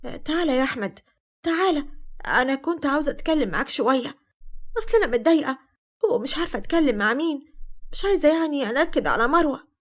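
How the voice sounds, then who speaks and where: A coy, wheedling middle-aged stepmother, put on by a woman storyteller in an Egyptian accent. Her voice sits fairly high and the words come quickly. A scheming figure from a spoken family story. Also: lively intonation. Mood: coaxing. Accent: Egyptian Arabic.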